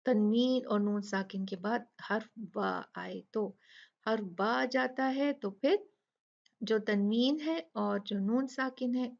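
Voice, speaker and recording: A woman teaching Quran recitation rules step by step, patiently explaining and slowly drilling each word. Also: a little high, creaky, a little mellow, lo-fi sound. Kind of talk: step-by-step tajweed lesson.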